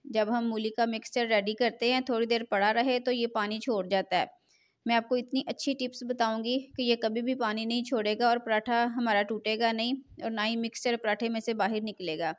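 Cooking host: middle-aged woman, fairly high voice, chatty and repetitive. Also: steady tone, fairly quick. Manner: chatty, repeats filler phrase "jo hai na". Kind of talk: cooking tutorial voice-over.

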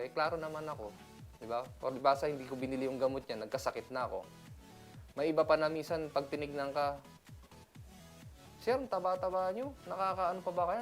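A man from the Philippines, a seaman, talking casually in a chatty vlog, laughing often and mixing in English. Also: mid-range voice. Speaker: seaman vlogger.

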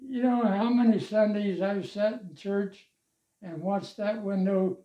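An elderly man telling stories of his life and church work in a relaxed interview, chuckling now and then, seated at home. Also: high voice. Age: older. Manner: slow, chuckling storyteller. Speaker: interviewee, longtime church member. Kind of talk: reminiscing interview. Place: living room, seated in armchair. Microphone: lavalier mic. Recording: roomy, slightly dull sound.

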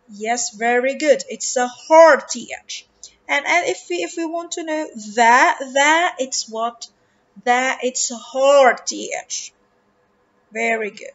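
Slow high-voiced woman teaching English. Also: fairly bright tone, lo-fi sound. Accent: Arabic. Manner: slow and deliberate, stretching words for pupils, mixing in Arabic glosses. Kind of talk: recorded online lesson.

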